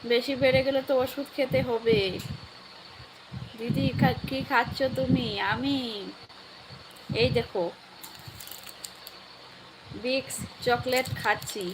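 A woman with a sore, hoarse throat, chatting live with viewers and asking warmly after them. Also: sits high, background noise. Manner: caring, asks viewers how they are. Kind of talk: casual live chat reading viewer comments.

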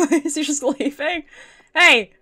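A British woman, a game streamer, gives playful, casual live commentary while playing, talking to herself, reading dialogue aloud, giggling, and mildly swearing. Her voice sits high, bright and forceful, and she takes it slowly over the game music.

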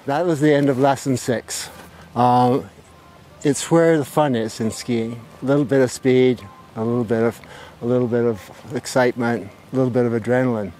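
A man's voice: medium pitch, fairly even intonation, moderate pace, mellow. An older man working as a ski instructor, giving an informal demonstration lesson in simple step-by-step instructions and short repeated phrases. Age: older, 60s or above. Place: outdoors on a snowy ski slope. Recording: outdoor ambient noise.

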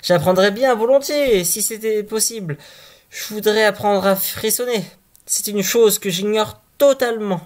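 A man's voice: sits high, normal speed, voice pushed up, lightly acted. A man reading a fairy tale aloud, voicing a simple-minded young man who cannot feel fear, with a naive and puzzled manner.

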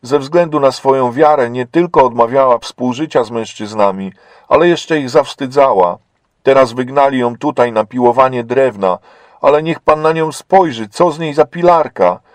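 A man's voice: mid-range voice, moderate pace, no echo, voice pushed up, lightly acted. A man voicing a bold young woman prisoner. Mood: indignant. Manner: urgent, indignant pleading.

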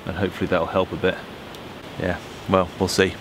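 A man's voice: deep voice, level tone, brisk, background noise. A man in his forties with an English accent, tired and self-deprecating, talking to camera while working outdoors in a woodland at night. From England. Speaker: bushcraft vlogger. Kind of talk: casual narration to camera. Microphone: camera mic, close framing.

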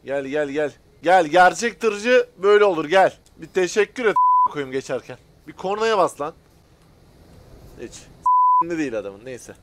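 A man hosting a gaming video, chatting to viewers in casual commentary, excitable and profane as he shouts at other drivers. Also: high voice, normal speed, a little hiss or hum. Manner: talks directly to viewers.

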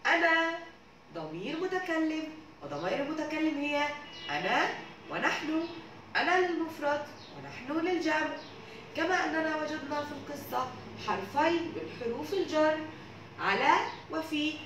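A woman's voice: high-pitched, very animated, moderate pace. A woman from Egypt, a primary school teacher, reading a story and explaining words and grammar to young children in a didactic manner. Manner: warm didactic tone, addresses the children as dear ones. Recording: echoey room, distant mic, background noise.

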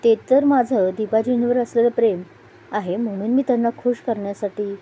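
A woman voicing an irritable, quick-tempered young husband in an audio story, using her own voice. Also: a little high, steady tone, slight background noise, pitched above the performer's own voice, natural voice, rough recording. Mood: defensive. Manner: irritated, sharp.

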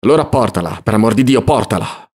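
A man's voice: on the low side, animated, fast talker, a little mellow. A man voicing a brooding, poor young student who answers curtly and reluctantly. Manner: curt, reluctant replies.

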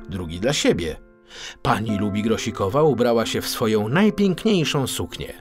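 With a fairly low voice, a man narrates a children's audiobook in an expressive, scripted storytelling manner.

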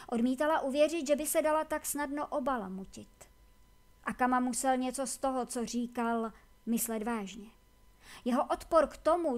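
High-voiced woman reading a novel. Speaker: audiobook reader. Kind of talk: scripted narration.

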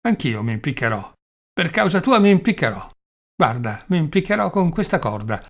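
A man's voice: fairly high pitch, very animated, moderate pace, a bit bright, full character voice. A man reading a cruel threatening father. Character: cruel drunken father threatening his daughter.

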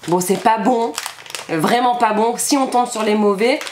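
A woman hosting a casual food-tasting vlog with her child, playful and animated, laughing often. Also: a little high, moderate pace. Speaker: vlog host, mother. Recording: echoey room with background noise.

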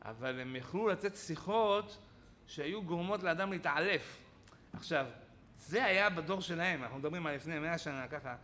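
A man, a rabbi giving a Torah lesson in a study hall, telling stories with lively acted-out quotes. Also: on the high side, a little hiss or hum. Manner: animated storytelling with acted-out quotes.

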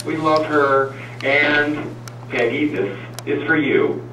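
A man's voice: a little high, takes it slowly. A man making a public farewell announcement, heard from a distance in a noisy room. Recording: roomy, distant, noisy background.

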